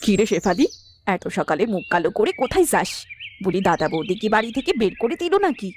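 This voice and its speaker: A woman voicing a sympathetic middle-aged village woman in a cartoon, gently chiding. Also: mid-range voice, sing-song, fast, slight background noise, lightly acted.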